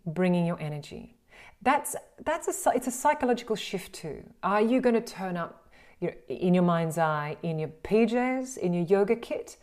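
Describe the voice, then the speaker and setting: A woman with an Australian accent, teaching voice and speaking skills in an animated, encouraging way and acting out the exercises she describes. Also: mid-range voice. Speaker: voice and communication coach. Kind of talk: instructional talk on speaking skills.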